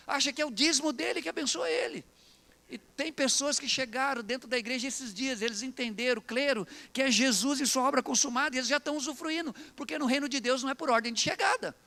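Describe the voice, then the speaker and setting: A Brazilian pastor preaching in church with a strikingly high, bright voice. He talks fast and keeps up an animated, storytelling sermon, often acting out quotes. His delivery sounds forceful. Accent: Brazilian Portuguese. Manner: animated, preaching with acted quotes and jokes to the congregation.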